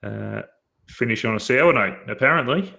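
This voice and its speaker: A man's voice: mid-range voice, animated, normal speed, gravelly, sharp tone. An Australian man hosting a casual betting podcast, talking in a blokey, colloquial way. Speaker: podcast host.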